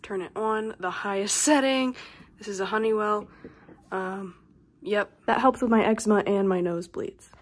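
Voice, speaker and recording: A woman's voice: medium pitch, moderate pace. A young adult woman chatting casually and bluntly to her phone camera at home. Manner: blunt, sweary, self-deprecating. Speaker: vlogger. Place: small bathroom at home. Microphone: phone camera close to the face. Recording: slightly noisy home phone recording.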